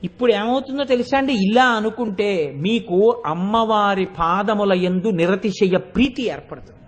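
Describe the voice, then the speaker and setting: A man giving a devotional sermon, telling stories with lively expression and chanting sacred verses slowly. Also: sits high. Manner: animated storytelling, acting out quoted voices, chanting verses slowly. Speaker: spiritual discourse speaker.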